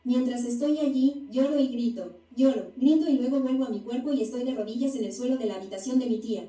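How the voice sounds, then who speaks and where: A woman narrates a first-person testimony in an even, read-aloud voice-over. Her tone is deeply mellow and a little high. She sounds set back from the mic in an echoey space. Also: fast talker, far from the mic. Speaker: narrator of a near-death testimony.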